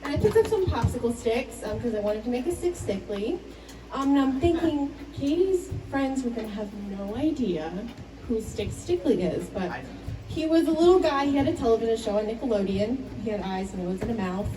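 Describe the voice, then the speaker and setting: A woman's voice: fairly high pitch, lively intonation, normal speed, reverberant. A woman doing a chatty, self-amused stand-up roast set at a party. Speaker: roast comedian. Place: house party room with a crowd. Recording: distant mic with loud crowd. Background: loud crowd noise.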